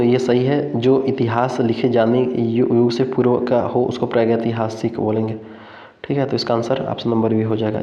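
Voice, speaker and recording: A man's voice: mid-range voice, warm tone. A man teaching an online exam-prep lesson, repeating each term several times and quizzing his listeners. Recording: echoey, dull lo-fi room sound.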